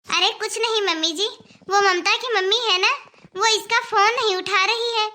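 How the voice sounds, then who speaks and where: A woman's voice: extremely high pitch, fairly even intonation, normal speed, pushed and bright. A woman voicing a patient, dutiful elder daughter-in-law in a cartoon, earnest and firm. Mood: soothing. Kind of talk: cartoon voice acting.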